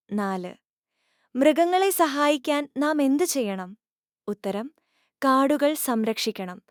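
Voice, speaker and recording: A woman teacher giving a scripted lesson to young children, gently asking questions and answering them. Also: high-pitched, dry recording, clean studio sound.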